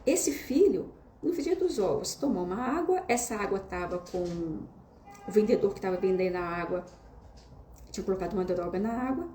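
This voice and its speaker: A woman's voice: mid-range voice, animated, moderate pace, mellow. A woman with a Brazilian Portuguese accent giving a conversational online lesson. She keeps turning to her listeners with tag questions. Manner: chatty, addresses listeners often with tag questions. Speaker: online course teacher. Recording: roomy echo with faint hiss.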